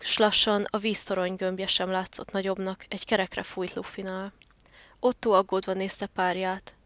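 Woman, storybook narrator, calm, flat level delivery, medium pitch, dry close mic. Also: dry recording.

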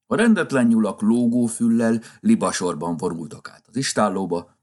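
Deep, husky male storyteller. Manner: expressive, lilting storytelling. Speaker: narrator. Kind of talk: storybook narration.

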